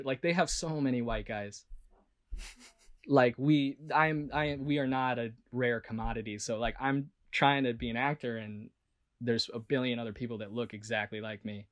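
Male voice actor, mid-pitched, chatty and rambling, honest interview tone. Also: fairly bright tone. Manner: rambling, full of "like" and restarts; earnest and self-reflective. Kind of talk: casual interview talk.

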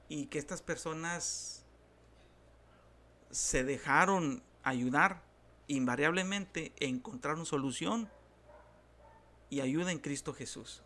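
A man who is a pastor with a northern Mexican accent, telling stories in a talk-show interview, animated and acting out the voices of the people he quotes. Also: a little high, a little hiss or hum.

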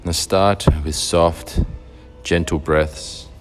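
A man guiding a meditation in a soft, soothing, unhurried way, leaving long pauses between phrases. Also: deep voice, steady tone, faint music behind. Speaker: meditation guide. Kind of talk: guided meditation narration.

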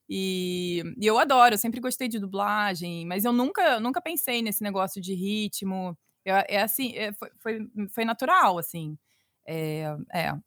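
A woman's voice: medium pitch, no room sound, studio quality. A Brazilian woman in her thirties who makes children's story podcasts, chatting animatedly and slipping into voices as she retells things. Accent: Brazilian Portuguese. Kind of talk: casual interview chat.

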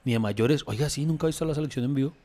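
A man with a Colombian accent, co-hosting a podcast, telling stories in animated, slangy casual chat. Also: medium pitch, rapid-fire. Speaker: podcast co-host.

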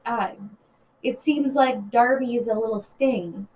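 Chatty woman with a higher voice. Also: unhurried, darkish tone, slight background noise, rough recording. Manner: chatty, with hesitant restarts. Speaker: podcast co-host. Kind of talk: casual wrestling news chat.

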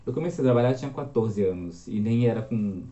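Chatty young man, mellow roomy sound. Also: lowish voice, fast, lo-fi sound. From Minas Gerais, Brazil. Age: 20s. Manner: chatty, animated storyteller. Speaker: guest. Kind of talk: casual interview chat.

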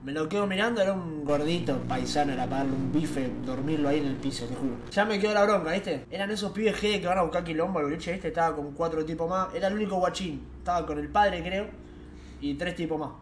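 A young man with an Argentine accent telling a night-out anecdote in casual, slangy, animated chat. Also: on the high side, fast, slight background noise. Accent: Argentine Rioplatense Spanish. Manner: animated, slangy, laughs as he tells it. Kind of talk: casual storytelling.

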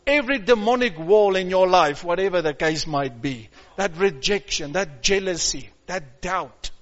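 A man preaching a sermon, calling out to his congregation and building to shouts. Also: sits high, lively intonation, moderate pace, lo-fi sound. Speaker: pastor.

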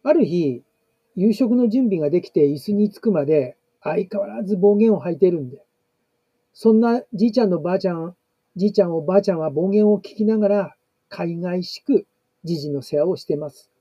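A man reading a family blog story aloud, in a slow, measured way with pauses. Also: high-pitched, breathy edge, no echo, muffled recording. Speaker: narrator.

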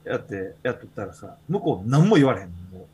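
Husky Kansai man, podcast host, easygoing chatty storyteller. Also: on the low side, sing-song, fast talker, a little mellow. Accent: Kansai Japanese. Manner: rambling storytelling with many fillers. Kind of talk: casual chat.

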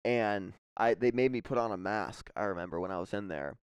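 A man's voice: lowish voice, fairly quick, clean tone, dry recording, clean studio sound. A young man in casual chat among friends, laid-back, swearing freely and calling everyone dude and man.

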